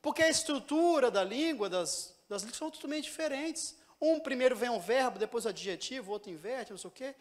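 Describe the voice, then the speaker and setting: Man, Brazilian Portuguese accent, very high voice, chatty Bible teaching, asks the congregation questions. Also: expressive, fairly quick, few pauses. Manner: conversational, explains with examples and questions to the congregation. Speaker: preacher. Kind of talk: teaching sermon. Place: church.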